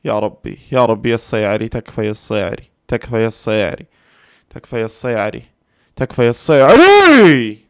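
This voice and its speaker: Fast-talking fan repeating anxious pleas. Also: male voice, on the low side, steady tone, gravelly, clear, resonant tone, no echo, clean studio sound. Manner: anxious, pleading, repeats phrases over and over. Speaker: football fan reacting live. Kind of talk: live match reaction commentary.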